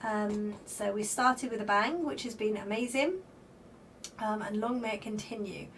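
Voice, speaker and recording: On a live card-reading stream, a woman with a medium-pitched, slightly croaky and a bit bright voice speaks a little slowly. She chats with viewers by name, reads out their comments and gives flowing spiritual guidance from spirit cards, recorded with a slightly distant mic and faint background noise.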